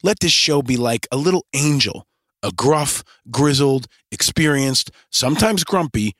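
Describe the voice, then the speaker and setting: A man's voice: mid-range voice, lively intonation, unhurried, fairly bright tone, dry recording, clean studio sound. A man hosting a podcast, delivering a scripted monologue in punchy, rallying lists. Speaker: podcast host.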